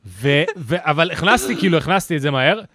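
A man's voice: a little high, animated, fairly bright tone, no room sound. A man co-hosting a podcast in a recording studio, telling a story with lots of fillers and slang. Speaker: podcast co-host. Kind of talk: casual chat.

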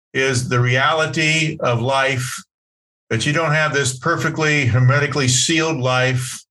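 A man's voice: medium pitch, pushed and bright, rough recording. A man hosting a faith video meeting, encouraging and affirming, with fillers and restarts, on a video call. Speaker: host.

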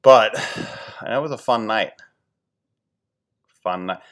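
A man in his forties from the Philadelphia area, hosting a podcast and telling casual, rambling, self-deprecating stories, getting animated when he quotes his friends. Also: lowish voice, slow. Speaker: podcast host. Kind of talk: casual storytelling monologue.

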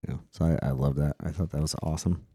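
A man's voice: very deep voice, steady tone, fast, mellow, slightly rough, no room sound, studio quality. A man, hosting a casual Bible study talk in an earnest, reflective way and acting out quotes. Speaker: podcast host.

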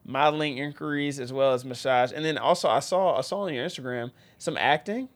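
A man's voice: mid-range voice, fairly quick. A friendly man hosting a podcast in casual chat, his voice nasal and stuffed up from allergies. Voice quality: nasal, congested. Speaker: podcast host.

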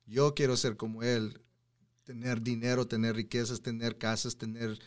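A man's voice: mid-range voice, level tone, normal speed. A man in his thirties from Houston, Texas, a podcast guest talking casually in Spanish and dropping in English words. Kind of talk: casual interview chat.

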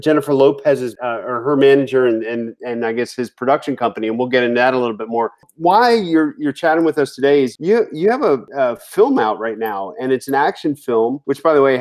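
A man's voice: mid-range voice, a little mellow. Eager podcast host, a man. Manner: enthusiastic, with frequent restarts. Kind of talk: interview hosting.

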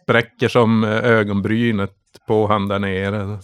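A man's voice: fairly low pitch, flat delivery, clean tone, no echo, clean studio sound. A man narrating a tabletop role-playing game as game master.

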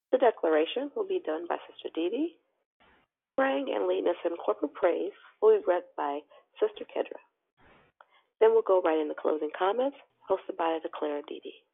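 A woman hosting a prayer call over the phone, making formal, orderly announcements and reading scripture with deliberate phrasing. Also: on the low side, creaky, husky. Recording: tinny narrow phone line.

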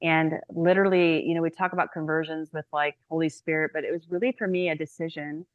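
A woman in her thirties, a guest speaker telling her personal faith story on a podcast, chatty and animated, with many fillers. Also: low voice, fast, no room sound, narrow, tinny audio.

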